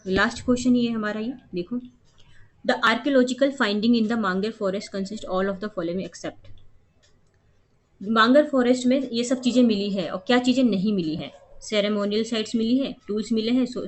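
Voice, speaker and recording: A female teacher explaining a reading comprehension passage step by step, mixing Hindi and English. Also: mid-range voice. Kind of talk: exam-prep lesson.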